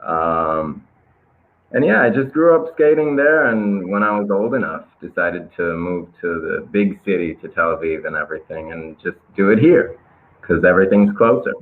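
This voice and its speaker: With a low voice, lively intonation and normal speed, a young Israeli skateboarder talks casually as an interview guest. His accent is Israeli with American influence, and his laid-back speech is hesitant, packed with fillers and restarts. The audio sounds like a tinny phone line.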